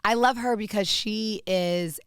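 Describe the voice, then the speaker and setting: Woman, actress guest, earnest animated storytelling, smooth resonant voice, dry close sound. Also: medium pitch, a little slow, no echo. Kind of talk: casual interview talk.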